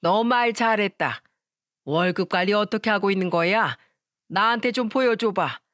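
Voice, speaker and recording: Woman doing a bossy suspicious old mother-in-law for a story radio drama, loud and scolding, higher than her own voice. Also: moderate pace, no room sound, studio quality, natural voice. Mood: accusing. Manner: scolding, accusing, shouting.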